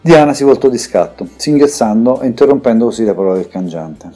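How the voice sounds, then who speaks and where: A man reading a dark fantasy audiobook in a steady, measured narrating voice, with faint music underneath. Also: medium pitch. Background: faint background music.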